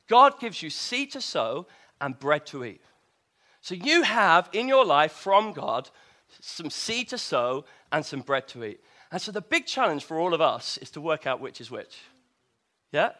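Lively, bright-voiced male preacher. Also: on the high side, measured pace. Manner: conversational, rhetorical questions. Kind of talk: sermon.

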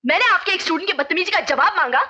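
An actress playing a prim young woman in a 1990s film comedy who turns sharp and scolding. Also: very high-pitched, animated, very fast, slight background noise, full character voice. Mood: outraged. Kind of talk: 1990s comic film acting.

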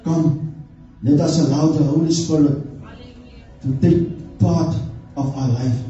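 Speaking slowly and mellowly, this middle-aged man has a somewhat high voice with fairly even intonation, and soft music plays behind him. As a church elder, he preaches an earnest sermon full of "amen" interjections from a stage inside a church hall, recorded at a distance with a muffled, echoing sound.

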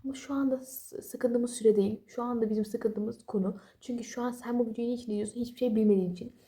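A woman's voice: fairly high pitch, fairly even intonation, fast talker, mellow. A young woman giving casual late-night study advice at home, sleepy and apologetic, rambling with small jokes and no proper microphone. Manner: rambling, apologetic, chatty with self-deprecating jokes. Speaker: study vlogger. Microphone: no external microphone.

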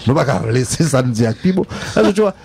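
A man's voice: medium pitch, big pitch swings, fast talker, vocal fry, a little mellow, breathy edge. A man with a Haitian accent rambling through a casual radio-show debate about music, repeating his phrases and laughing often. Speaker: music commentator.

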